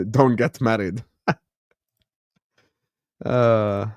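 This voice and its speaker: This Gulf man in his late twenties hosts a laid-back football watchalong live stream full of slang, reacting to the match, reading chat, chuckling often and answering viewers directly. His lowish voice has fairly even intonation and drawn-out words. The sound is lo-fi with no echo.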